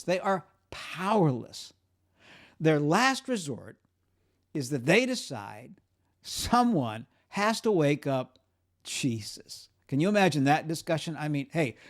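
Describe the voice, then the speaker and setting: A man preaching a sermon, telling the story dramatically and swinging from urgent, raised lines to hushed, quiet ones. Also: fairly high pitch. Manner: dramatic storytelling, acts out quoted voices.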